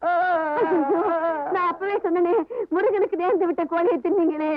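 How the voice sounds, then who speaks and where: A woman's voice: very high voice, fairly even intonation, moderate pace, no echo. An actress playing a pious, fretful village wife who scolds her husband and wails prayers, on a dull old film soundtrack. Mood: wailing. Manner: scolding, then wailing prayers.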